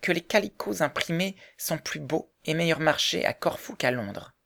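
A gentle young daughter speaks softly and tentatively, as a man voices her in a storybook. The reading has a gravelly, creaky voice. Her lines sit a little higher and quieter. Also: animated, normal speed, heavily acted.

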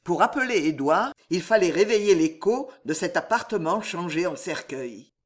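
Every line carries weight in this dramatic audiobook narration, which slows down at tense moments. The reader is expressive, with a mid-pitched voice that moves up and down a lot.

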